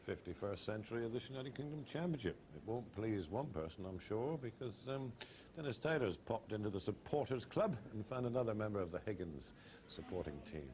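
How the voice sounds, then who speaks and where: Man, sports presenter, lowish voice, dull old TV sound, faint noise. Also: lively intonation, brisk, few pauses. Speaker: sports broadcaster. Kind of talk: live presenter link. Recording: dull noisy 1990s TV broadcast.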